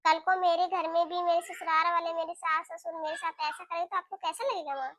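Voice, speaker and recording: A woman's voice: very high-pitched, fairly even intonation, a little fast, fairly bright tone, no echo, studio quality. A woman voicing a caring young married daughter in a cartoon, talking in an earnest, pleading way. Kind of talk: cartoon voice acting.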